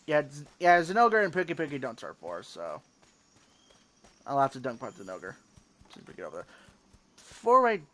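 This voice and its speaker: A man's voice: medium pitch, sing-song, moderate pace, pauses often. A man giving casual gameplay commentary, rambling with restarts and swearing when things go wrong. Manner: profane, easily frustrated, rambling with restarts. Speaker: gamer commentating his play. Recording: loud game noise underneath. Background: video game sounds.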